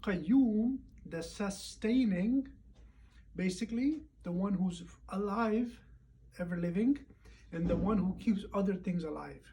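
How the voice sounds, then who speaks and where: A hoarse man who is losing his voice gives a casual, reflective recap of a Friday lecture at home, pausing often and using fillers. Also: high-pitched, mellow, slight background noise. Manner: unhurried and reflective, with frequent pauses and fillers.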